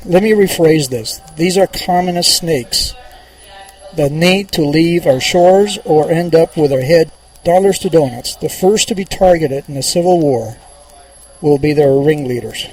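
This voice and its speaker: A man's voice: a little high, a little mellow, poor audio. A man hosting a political radio show, delivering a monologue in an emphatic, insistent way and repeating his points for emphasis.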